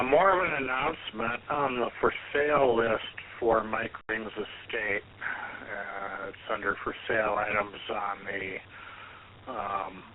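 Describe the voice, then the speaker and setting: A man talking on an amateur radio net, explaining equipment in a halting, technical way with many ums, heard over a ham radio transmission. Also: on the low side. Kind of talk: radio net check-in talk. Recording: tinny narrow radio audio with faint hiss.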